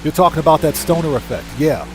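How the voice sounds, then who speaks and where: A man's voice: fairly high pitch, lively intonation, fast, music in the background, rough recording. A man hosting a live game stream, chatting casually with viewers and repeating himself for emphasis, over game noise.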